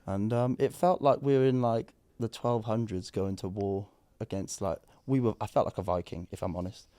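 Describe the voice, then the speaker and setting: A young man with a hoarse voice, co-hosting a podcast in a rambling, self-deprecating way. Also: fairly low pitch, fairly even intonation, normal speed, mellow, no room sound. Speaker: podcast co-host. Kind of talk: casual chat.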